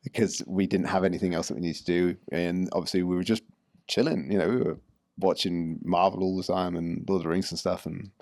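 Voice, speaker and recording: A man's voice: low voice, steady tone, a little fast, darkish tone, dry recording, clean studio sound. A man, a fitness coach, co-hosting a casual podcast chat and rambling with many restarts.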